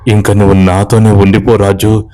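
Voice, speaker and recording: A man voicing the vengeful ghost of a woman who died unmarried, speaking slowly and eerily in a horror tale. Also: lowish voice, level tone, mellow, lightly acted. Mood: eerie coaxing. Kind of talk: horror storytelling.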